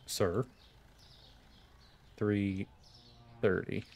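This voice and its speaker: A gameplay video host mutters laid-back thoughts while playing a store management game in casual let's play commentary. His lowish voice barely moves in pitch, runs extremely slowly, and carries vocal fry, a slight mellowness, and a breathy edge.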